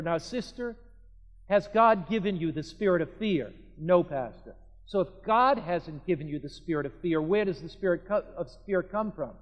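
High-voiced older pastor preaching in a hall. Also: male voice, highs cut off. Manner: storytelling, emphatic and earnest. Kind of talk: sermon.

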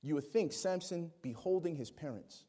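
A man preaching a sermon, swinging between loud exclamations and quiet asides and acting out the people he quotes. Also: a little high, lively intonation, moderate pace. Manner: acts out quoted voices.

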